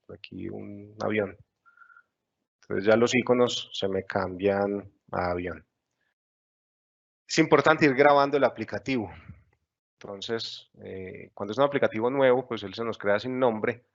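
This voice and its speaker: A man walks through a webinar tutorial patiently, step by step. His low voice has a gravelly edge, and the audio sounds dull and lo-fi. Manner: patient step-by-step explaining with frequent fillers. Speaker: software instructor. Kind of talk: screen-share webinar tutorial.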